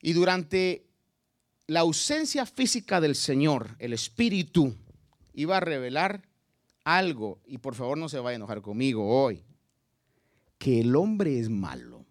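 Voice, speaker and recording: Fervent man preaching with wide pitch swings. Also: very animated, measured pace. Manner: dramatic preaching with sudden loud bursts and quiet drops. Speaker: pastor. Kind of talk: sermon.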